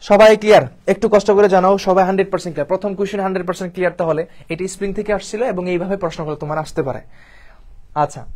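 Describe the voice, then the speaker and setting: A man with a Bangladeshi Bengali accent teaching an online exam-prep English lesson, repeating points and checking in with students often. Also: high voice. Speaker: admission test English teacher.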